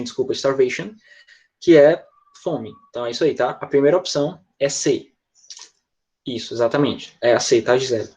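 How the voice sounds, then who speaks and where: Patient male teacher, higher voice, online class, dull lo-fi audio. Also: a little mellow, breathy edge. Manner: patient, checks in often with "tá?" and "né?". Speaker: English teacher.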